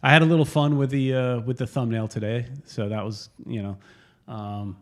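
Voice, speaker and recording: A man's voice: mid-range voice, moderate pace. A middle-aged man co-hosting a casual soccer fan podcast, joking and telling stories. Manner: joking, animated storyteller. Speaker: co-host.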